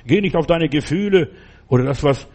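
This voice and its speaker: An older man preaching a sermon, exhorting listeners and retelling stories with animated energy. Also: a little high, a little fast.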